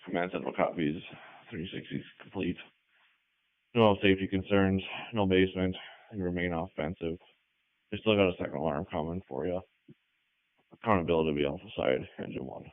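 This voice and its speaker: Low-voiced male dispatcher on tinny fire radio. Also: brisk, no echo. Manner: clipped, procedural read-backs. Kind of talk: firefighter radio dispatch traffic. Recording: tinny narrowband two-way radio.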